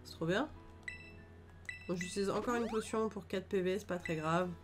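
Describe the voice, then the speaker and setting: A woman's voice: medium pitch, moderate pace. A woman hosting a let's-play video, chatting and thinking aloud in a casual, upbeat way with lots of fillers. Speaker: gaming video host. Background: game music.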